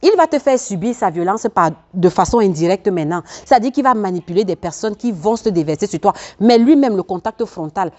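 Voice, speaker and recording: A woman life coach speaks in an earnest, preacherly way, addressing the listener directly and driving points home by repeating them. Her voice sits at a middle pitch. The recording is somewhat dull and lo-fi. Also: animated, a little fast, hardly any pauses, dark tone. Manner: laughs between points, repeats phrases for emphasis. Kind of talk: self-help video talk to camera.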